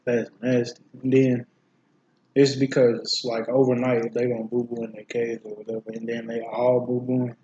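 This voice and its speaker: Flat-voiced man telling a blunt story. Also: medium pitch, moderate pace, highs cut off, slight background noise. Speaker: vlog co-host. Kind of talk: casual chat while eating.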